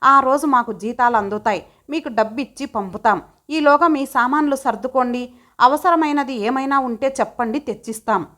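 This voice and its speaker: A woman's voice: sits high, moderate pace, fairly bright tone. Woman voicing a stern older husband. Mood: commanding. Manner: curt, scolding orders. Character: stern older husband and father-in-law, commanding.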